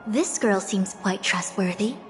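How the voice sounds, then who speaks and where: A composed young seer from a video game, acted by a woman, formal and watchful. Her mid-pitched voice sits in long reverb with music behind. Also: a little slow, close to an everyday voice. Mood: calm, watchful. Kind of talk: English video game voice acting.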